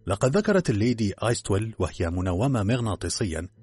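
A man voicing a shrewd detective who explains a murder slowly and reflectively, in a low, husky voice. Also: big pitch swings, a little mellow, no echo, soft background music. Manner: slow and reflective. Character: calm, shrewd male detective.

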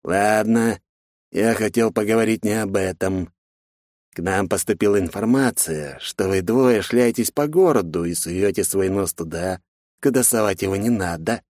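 A bossy, scolding academy director, as a male narrator puts him on barks his orders and stretches out words for weight. His voice sits a little higher than the reader's own, slightly low for a man and very dry, with no room around it. He sounds like a man used to being obeyed. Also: a little mellow, no room sound, lightly acted. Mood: stern. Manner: barking, scolding, drawn-out emphasis. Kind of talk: audiobook character voice.

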